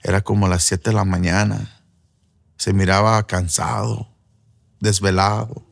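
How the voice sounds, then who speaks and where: Low, gravelly man giving his testimony. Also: little pitch movement, measured pace. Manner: earnest storytelling with English fillers mixed in. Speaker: preacher giving a personal testimony. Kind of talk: emotional first-person testimony.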